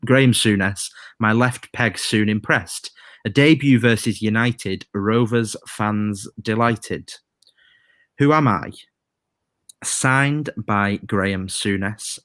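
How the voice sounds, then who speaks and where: A man hosting a live quiz stream, reading rhyming clues slowly and chatting between questions. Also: lowish voice, a bit bright, no echo, clean studio sound. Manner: reads quiz rhymes slowly, chatty asides. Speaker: quiz host.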